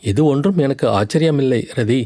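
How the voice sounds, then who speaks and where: A proud young warrior prince who teases and pleads by turns, as a male narrator plays him. His voice is mellow and dark, with a dry, close sound. It comes from an audiobook tale. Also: mid-range voice, normal speed, dry recording, lightly acted. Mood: mocking. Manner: mocking, then pleading.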